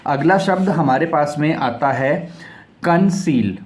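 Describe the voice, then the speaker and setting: A man teaching English vocabulary, explaining each word, spelling it out letter by letter and repeating it several times. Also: a little high. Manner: spells words out letter by letter and reads example sentences slowly. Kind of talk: vocabulary lesson.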